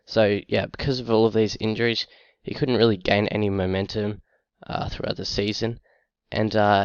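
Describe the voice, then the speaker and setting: Aussie guy, sick and out of breath, deep gravelly monotone, lots of ums, dry muffled home mic. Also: dry recording. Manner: halting, many ums and uhs. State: sick, short of breath, coughing. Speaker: fantasy football YouTuber. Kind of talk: casual talk to camera.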